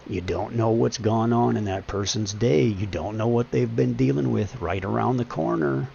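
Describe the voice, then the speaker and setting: A man in his forties with a deep voice, musing earnestly and at length in a casual live-stream monologue. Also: moderate pace, vocal fry, mellow, highs cut off, slight background noise. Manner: earnest, rambling, philosophizing.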